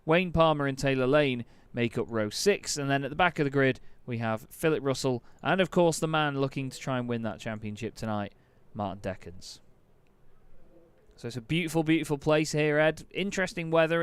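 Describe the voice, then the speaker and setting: A man with a fairly high, smooth voice leads live sim racing commentary, talking a little fast in classic motorsport style and climbing into excited calls. The recording has no room sound.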